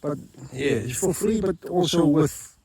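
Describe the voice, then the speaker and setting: A South African man rambles casually through a home vlog at his rural homestead, often stopping to correct himself and filling gaps with ums. His voice is fairly high and expressive, with a measured pace, vocal fry, and a dark tone, plus a little hiss or hum on the recording.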